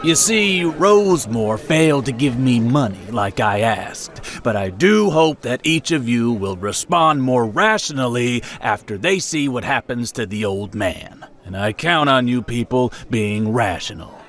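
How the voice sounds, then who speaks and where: A man's voice: medium pitch, lively intonation, measured pace, few pauses, a bit bright. A man playing a mad villain in an audio drama, mockingly polite and menacing in a theatrical way. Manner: mock-courteous, theatrical. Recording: music and crowd behind voice. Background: dramatic music, party crowd.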